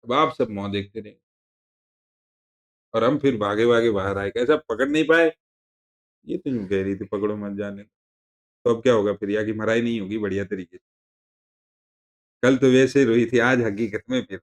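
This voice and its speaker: A man giving a religious lesson to a class, explaining terms in a conversational, digressive way and repeating himself to make points clear. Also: on the low side, steady tone, normal speed, long pauses. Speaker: religious teacher.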